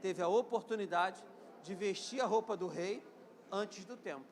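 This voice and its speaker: A man in his fifties with a Rio accent and a surprisingly high voice preaches a live sermon, calling on worshippers to repeat lines and respond amen. His moderate-paced delivery surges to loud, emphatic peaks and then settles into quieter sections, and the recording carries a little hiss or hum.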